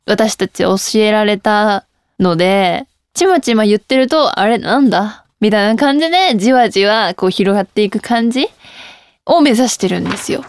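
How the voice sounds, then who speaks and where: A woman's voice: mid-range voice, expressive, normal speed, smooth, no echo, studio quality. A young woman hosting a casual radio talk show, reading listener mail and joking about herself with frequent laughs. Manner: playful, self-mocking, laughs often.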